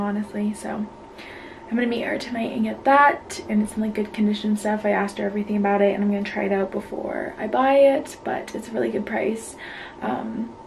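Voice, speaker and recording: A woman in her twenties talking to camera in a casual vlog, soft and low-key, often close to a whisper, stressed and anxious. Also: gravelly, slight background noise, poor audio. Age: 20s. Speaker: vlogger.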